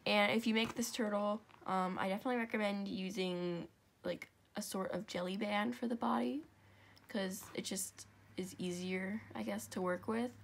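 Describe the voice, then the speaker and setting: A young woman hosting a craft tutorial guides viewers through a project one step at a time, her nose stuffy and congested. She chats and rambles with plenty of asides and fast self-corrections, relaxed like someone recording at home. Her voice is gravelly and medium-pitched, with fairly even intonation.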